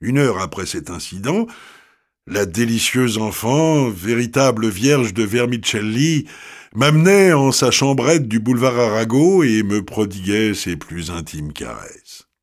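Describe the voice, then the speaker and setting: A man reading a story aloud in a wry, expressive way. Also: lowish voice, measured pace.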